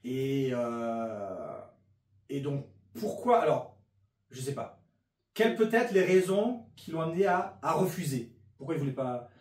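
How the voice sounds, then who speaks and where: Man, lively pitch, filler-heavy casual chat, roomy distant recording. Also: unhurried. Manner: animated, hesitant with many fillers. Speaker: youth ministry host. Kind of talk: casual chat and Bible reading.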